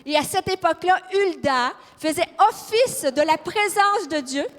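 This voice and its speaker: A woman's voice: extremely high pitch, animated, a little slow, a bit bright. A woman with a Québécois accent preaching a fiery, emphatic sermon and putting questions to her audience in a church hall. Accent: Québécois French. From Quebec. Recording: long reverb of a large hall.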